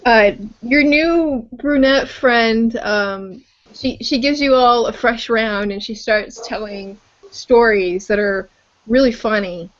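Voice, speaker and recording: Woman game master, a little high-pitched, laughs a lot, muffled call sound. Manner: halting, laughs often, many ums. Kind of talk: narrating a tabletop game.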